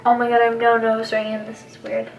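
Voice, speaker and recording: A woman's voice: a little high, completely flat delivery, fast, faint music behind. A young woman chatting casually and playfully while doing her makeup on camera. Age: young adult. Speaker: beauty vlogger. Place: small room indoors, seated at a table. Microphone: camera a few feet away. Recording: roomy, distant mic, background noise, clinking.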